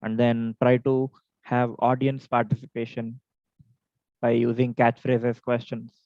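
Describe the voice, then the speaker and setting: The voice is a man's, mid-range and completely flat, a little slow, captured in lo-fi sound with no room sound. He's a speech contest trainer with an Indian English accent, sick with a dry throat, teaching public speaking from home in an online meeting. His educational talk is instructive and list-like, with pace changes for examples.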